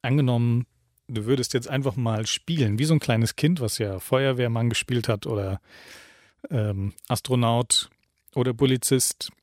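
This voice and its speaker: A man giving a reflective self-help talk, calmly putting questions straight to the listener. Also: mid-range voice, moderate pace, dry recording, studio quality. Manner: calm, addresses the listener directly with questions.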